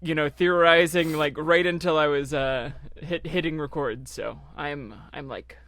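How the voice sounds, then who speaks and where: Man, young adult, podcast co-host, rambling, laughing, slightly high, bright tone. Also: fairly even intonation, a little slow, dry recording. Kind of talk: casual podcast chat.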